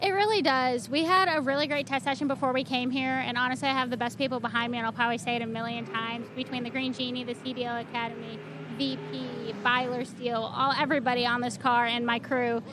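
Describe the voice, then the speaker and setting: A woman's voice: a little high, fairly even intonation, quick pace. A woman racing driver giving a positive interview after a run. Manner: positive, thanking sponsors. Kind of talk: upbeat post-run interview. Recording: loud trackside engine noise.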